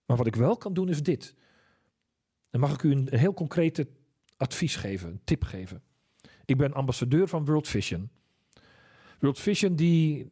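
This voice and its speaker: Male preacher, earnest and questioning, husky slightly high voice. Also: warm tone. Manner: earnest, questioning, repeats key phrases. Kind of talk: sermon. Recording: church service broadcast on radio.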